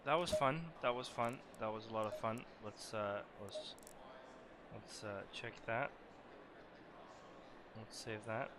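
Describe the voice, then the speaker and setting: A man's voice: fairly low pitch, slow pace, pauses often. A man giving casual, informal and self-critical commentary as he streams a racing game. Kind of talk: casual live gaming commentary. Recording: loud car engine noise behind voice. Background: racing game vehicle noise.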